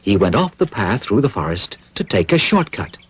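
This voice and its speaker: A man's voice: on the low side, very animated, normal speed, breathy edge. A man narrating a cartoon story in a wry storytelling manner.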